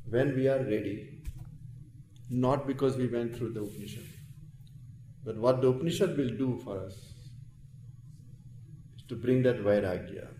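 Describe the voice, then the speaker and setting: Mellow Indian-accented man teaching in an echoey room. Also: medium pitch. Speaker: Vedanta teacher. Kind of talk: spiritual lecture on scripture with chanted verses. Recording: roomy echo with faint background noise.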